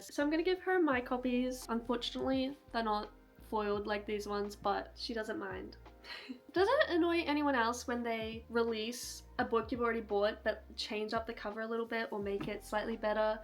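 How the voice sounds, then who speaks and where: Young woman, rambling casual vlog chat, slightly high voice. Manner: chatty, rambling, laughs often. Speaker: book vlogger. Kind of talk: casual book haul chat. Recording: soft music behind.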